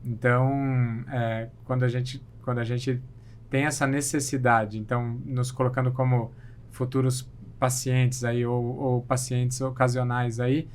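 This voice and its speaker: A Brazilian surgeon appearing as a podcast guest gives thoughtful, hesitant interview answers with many restarts and fillers, speaking with a Brazilian Portuguese accent. His medium-pitched voice is flat and a little slow, with a bit of hiss or hum in the recording.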